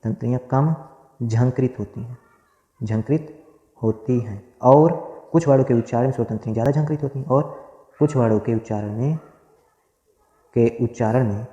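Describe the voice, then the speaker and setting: A man teaching a grammar lesson, dictating notes slowly, repeating phrases and asking questions that he answers himself. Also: medium pitch, mellow, muffled recording. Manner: repetitive, asks and answers his own questions. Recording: echoey room with long reverb.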